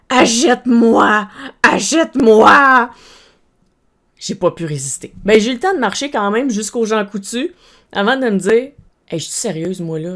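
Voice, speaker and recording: A woman with a Québécois French accent tells a personal story straight to camera. She talks in a casual, animated way, with plenty of fillers and quick restarts. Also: mid-range voice. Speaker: vlogger.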